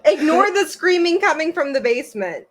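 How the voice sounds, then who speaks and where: A woman's voice: high-pitched, very animated, normal speed. A woman hosting a casual home podcast, chatting in a rambling, joking way. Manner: rambling, self-deprecating, joking. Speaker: podcast host. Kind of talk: casual chat. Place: home room. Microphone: camera mic.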